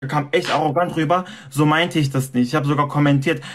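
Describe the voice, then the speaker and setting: A man with a slightly high voice argues his side in a live dispute. He is defensive and insistent, circling back over the same points again and again. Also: steady tone, a little fast. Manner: defensive, insistent, repeats himself. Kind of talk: heated argument.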